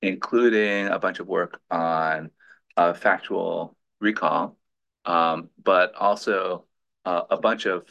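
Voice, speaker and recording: A man with a lowish voice runs a lab meeting and introduces a guest. He talks informally and haltingly, full of restarts and fillers. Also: fairly even intonation, creaky, fairly bright tone, muffled recording.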